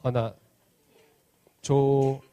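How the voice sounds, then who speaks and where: A man leads an interactive children's sermon at a church service as the children's pastor, playfully teasing the kids and asking them many questions. His medium-pitched voice is dark in tone and flat, and he speaks extremely slowly.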